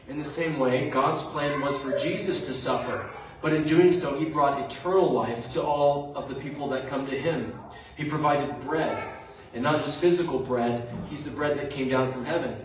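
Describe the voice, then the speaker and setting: A man's voice: a little high, a little hiss or hum. A man preaching a sermon, retelling a story in a conversational way with fillers. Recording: very echoey room, mic far off.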